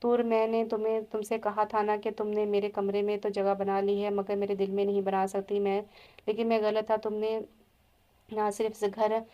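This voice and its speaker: Woman reads a firm, tender young husband; monotone audiobook delivery. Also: high voice, normal speed, highs cut off, close to an everyday voice. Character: young man, stern then tender husband.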